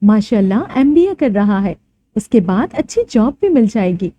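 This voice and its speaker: A woman's voice: mid-range voice, big pitch swings, normal speed, mellow, lo-fi sound, slight background noise, close to an everyday voice. A woman storyteller voicing a stern, worried middle-aged mother who scolds her daughter firmly in a storybook reading. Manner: scolding, firm.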